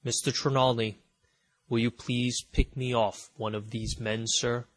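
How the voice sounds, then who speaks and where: Stern sea captain barking short orders , as a man reads him, even middle voice, dry close sound. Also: medium pitch, measured pace, dry recording, lightly acted, poor audio. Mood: firm. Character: stern commanding male ship captain.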